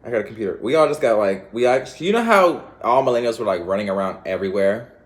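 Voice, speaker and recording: A man's voice: fairly low pitch, expressive, quick pace. A man talking straight to his viewers in a loose, rambling monologue full of slang and scattered thoughts. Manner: rambling, scattered, laughs often, lots of slang. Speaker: vlogger.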